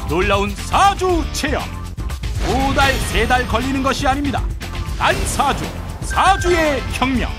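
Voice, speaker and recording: A woman's voice: high voice, animated, a little slow. A woman narrating a scripted hard-sell advertisement with punchy, emphatic slogans. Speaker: advertisement announcer. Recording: voice-over with loud music behind.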